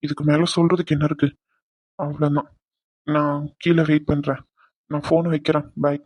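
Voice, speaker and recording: A man voicing a hurt, remorseful young husband who talks low and earnestly to his wife. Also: level tone, moderate pace, a little mellow, no echo, natural voice. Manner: subdued, earnest.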